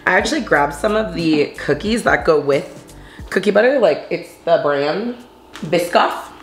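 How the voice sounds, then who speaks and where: Chatting to camera from her home kitchen, a bubbly young lifestyle vlogger calls her viewers honey and babes. Her lowish voice is animated yet measured in pace, set against echo and soft background music.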